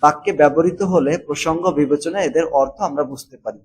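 A man, teaching a textbook lesson and repeating words slowly, with fillers and English words mixed in. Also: on the high side, steady tone, darkish tone, breathy edge, low-quality recording.

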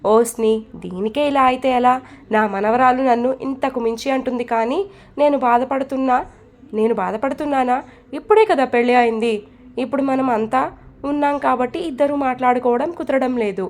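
A woman voicing a calm older grandmother who comforts her friend in a told story. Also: sits high, normal speed. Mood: reassuring. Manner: soothing, comforting.

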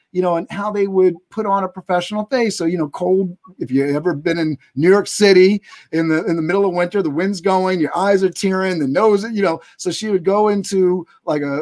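Higher-voiced man hosting a show. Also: a little mellow. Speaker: host of a business show. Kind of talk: live interview show hosting. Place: indoors, live video call.

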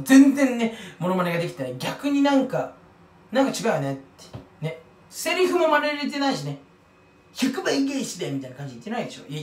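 Rambling young man in an echoey toilet. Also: sits high. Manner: rambling, self-mocking, does quick impressions. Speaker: YouTuber. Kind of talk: solo comedic monologue. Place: toilet room. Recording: echoey small room, mic at a distance.

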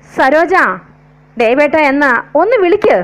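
A woman's voice: sits high, lively intonation, measured pace, low-quality recording. A woman voicing a lovesick, remorseful aging man who pleads tenderly. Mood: pleading.

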